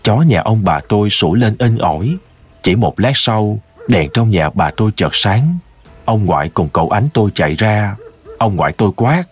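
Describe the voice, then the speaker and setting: Husky-voiced man narrating a horror story. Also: lowish voice, lively intonation, faint music behind. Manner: slow, ominous storytelling.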